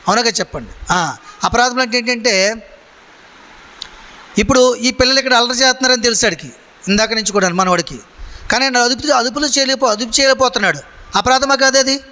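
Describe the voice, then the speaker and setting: A man's voice: very high-pitched, sharp tone. A man preaching a sermon to a congregation in a church, asking them questions and calling for their answers. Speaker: pastor. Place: church hall. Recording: long hall reverb.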